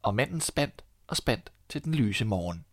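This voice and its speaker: Danish man reading a fairy tale, low. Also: no echo, clean studio sound. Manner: calm, measured storytelling. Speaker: storyteller.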